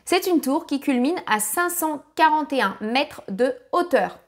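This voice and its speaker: Woman narrating travel tips for families, kinda high voice, direct and practical. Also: animated, a little slow. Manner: gives direct tips, apologizes for her English pronunciation.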